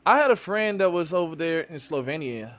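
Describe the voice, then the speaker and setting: A man from Chicago hosting a live stream, chatting casually in a loose, profane, animated way. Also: on the high side, a little fast. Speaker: streamer host. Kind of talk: casual chat.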